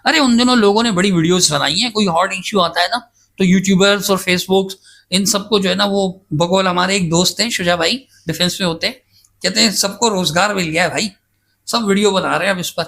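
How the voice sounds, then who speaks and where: A man's voice: sits high, gravelly, pushed and bright. A man speaking as a guest scholar in a podcast interview, insistent and emphatic as he defends himself at length. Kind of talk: casual debate-style interview talk.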